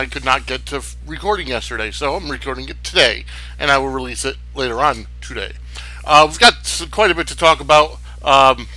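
A man's voice: medium pitch, pushed and bright, no room sound, poor audio. A man hosting a sports podcast solo, talking casually in a rambling, opinionated way. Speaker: sports wrestling podcast host.

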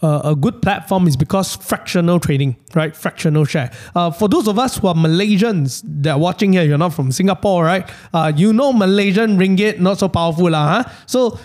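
High-pitched man speaking casual Singlish. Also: a little fast, hardly any pauses, a little mellow. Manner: colloquial Singlish with particles like lah. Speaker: host. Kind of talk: casual conversational commentary.

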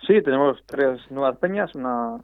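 A man from Spain who is president of a supporters' club federation calls in to a radio interview on a landline phone, which sounds tinny and dry. His medium-pitched voice is animated and moderately paced, with no room sound, and he talks hesitantly, often repeating and restarting words.

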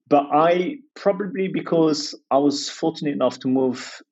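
Here a man from France speaks at a fairly high pitch and moderate pace, his voice a little mellow and husky, with lo-fi sound. He's a podcast guest in a reflective conversational interview, hesitant in manner and full of restarts and fillers.

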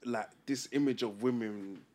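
Young London man, mid-pitched, chatting casually. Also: moderate pace, darkish tone. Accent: British, London. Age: young adult. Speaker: podcast co-host. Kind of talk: casual chat.

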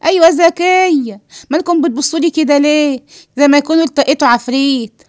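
A woman voicing a brash, defiant young woman with an Egyptian accent, shouting and sharp-tongued in a read-aloud play. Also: high-pitched, fast, no room sound, clean studio sound, voice pushed up, lightly acted.

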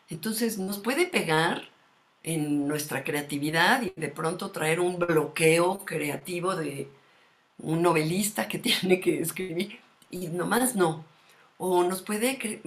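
A woman, speaking as a guest expert in a calm, measured, explanatory conversation and asking her listeners questions. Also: fairly low pitch.

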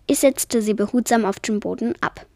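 A woman reading a children's story aloud with calm, soft-spoken narration. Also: on the high side, normal speed, no echo, clean studio sound. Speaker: podcast storyteller.

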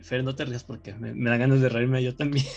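A man's voice: medium pitch, steady tone, brisk, creaky, darkish tone, lo-fi sound. A man in casual chat, explaining a film in a joking, rambling way. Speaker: podcast co-host.

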